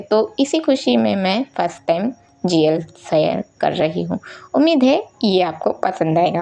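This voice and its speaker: A young woman hosting her channel and narrating a story in a slow, unhurried way. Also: mid-range voice, gravelly, warm tone.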